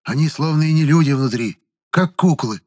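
A man's voice: fairly high pitch, normal speed, voice pushed up, close to an everyday voice. A man voicing a shrewd old village fortune-teller woman who probes, commands and grieves in turn. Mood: bitter, pleading. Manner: sharp, probing, commanding, then grieving.

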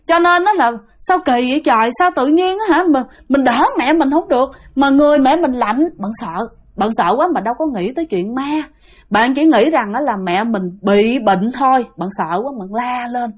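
A woman narrates a ghost story aloud in a chatty manner, speaking directly to her listeners. Her voice is high-pitched with lively intonation, and she keeps a moderate pace.

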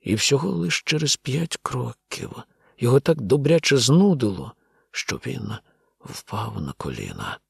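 A man reading an audiobook aloud in a measured, grave storytelling manner. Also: mid-range voice, animated, gravelly, breathy edge, no room sound, studio quality. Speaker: audiobook narrator. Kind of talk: scripted audiobook narration.

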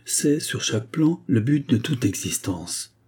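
A man's voice: mid-range voice, expressive, measured pace, a little mellow, husky. A man reading an audiobook, voicing the hard, cold spirit of a dead man who speaks through a medium. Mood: solemn, cold. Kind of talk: audiobook character voice.

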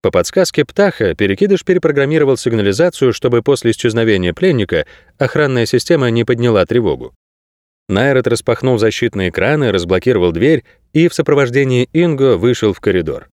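A male audiobook narrator with a mid-range voice that moves lively up and down as he tells the story. His delivery is steady and expressive, recorded close on a dry studio mic with no room sound. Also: medium pitch, brisk, no echo. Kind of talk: scripted narration.

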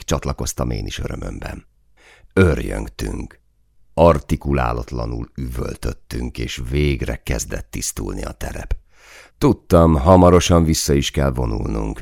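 A man with an extremely deep, gravelly voice reads a first-person war story. The delivery is tense and driven, with swearing. The recording is dry and close. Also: a little mellow, dry recording. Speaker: audiobook narrator. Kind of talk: first-person audiobook narration.

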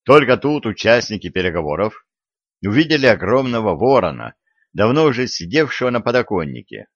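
A man narrating an audiobook in a steady, even storytelling manner. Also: fairly low pitch, a little fast, no room sound. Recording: dry, dull lo-fi audio.

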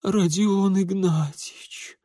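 A man's voice: sits high, steady tone, very slow, warm tone, dry recording, clean studio sound, voice pushed up, heavily acted. A man doing a feeble moaning noble mother. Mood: plaintive. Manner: feeble, plaintive, dying voice.

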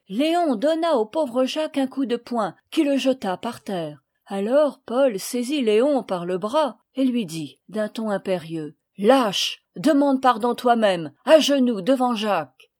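A woman reading a children's novel aloud, with clear, expressive narration. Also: fairly high pitch, unhurried, few pauses. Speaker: audiobook reader. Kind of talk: storybook reading.

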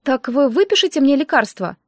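A woman's voice: sits high, lively intonation, normal speed, a little mellow, no room sound, clean studio sound. A woman voicing an anxious eighteen-year-old girl student who asks blunt, demanding questions.

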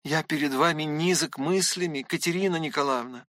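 Bright-voiced male audiobook narrator. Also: on the high side, brisk, no echo, studio quality. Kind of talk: first-person literary narration.

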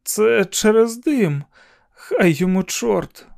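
Man putting on a high, smoke-choked woman calling out. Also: lively intonation, creaky, full character voice. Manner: shouting with slow insistent pleading. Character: woman calling out through smoke, urgent, protective.

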